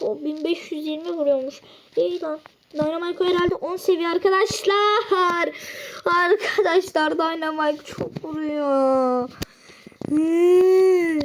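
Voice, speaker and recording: A woman giving live gameplay commentary, excitable and often exasperated as she plays. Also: extremely high pitch. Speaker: gaming channel host.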